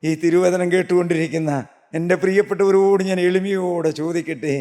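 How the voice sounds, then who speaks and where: A man preaching a sermon with fervent, rising passion, repeating praise to God and dropping to a soft, slow hush in tender passages. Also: high-pitched, fairly even intonation. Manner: impassioned, builds to near shouting, frequent interjections of praise.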